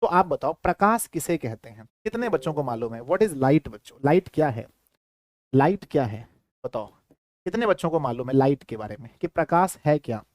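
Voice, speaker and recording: A man's voice: fairly high pitch, animated, moderate pace, darkish tone, no echo. A man with a Bihari Hindi accent teaching a class, repeating himself and quizzing his students. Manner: repetitive, keeps quizzing students. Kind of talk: classroom lecture.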